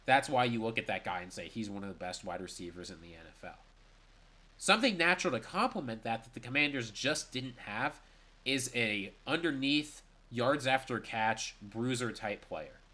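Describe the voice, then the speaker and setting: A young man with a stuffy, congested voice gives a solo reaction and analysis of sports news, brisk and analytical with emphatic stress. His medium-pitched voice is husky, pushed and bright, with lively intonation.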